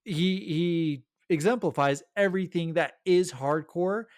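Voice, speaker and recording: Enthusiastic podcast co-host, a man with a slightly high voice, dry close-miked sound. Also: measured pace, no echo. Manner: enthusiastic, animated storytelling. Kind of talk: casual chat.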